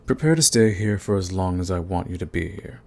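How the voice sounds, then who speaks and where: Gravelly and darkish, his low voice moves fairly quickly with lively intonation. This audio roleplay actor portrays a flirtatious, smug villain taken with his enemy, his intimate ASMR romance delivery teasing and commanding, full of drawling menace.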